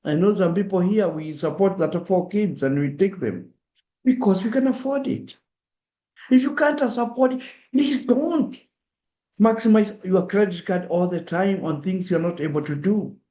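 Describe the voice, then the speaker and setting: Speaking at a moderate pace in a mellow, slightly high voice, a middle-aged Kenyan-accented man addresses a community gathering at a diaspora awareness event. His public talk is earnest and direct, dipping into first-person examples, and the roomy hall adds echo.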